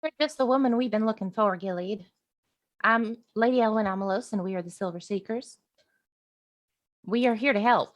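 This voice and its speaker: A woman's voice: medium pitch, moderate pace, long pauses, close to an everyday voice. A woman voicing a polite, earnest noble lady adventurer with folksy phrasing and a diplomatic manner in a tabletop game. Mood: courteous.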